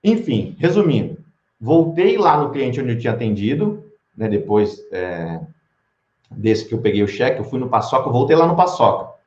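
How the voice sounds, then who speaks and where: A man, a veterinarian, teaching business lessons in a chatty, animated storytelling way. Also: medium pitch, moderate pace. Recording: roomy lo-fi recording.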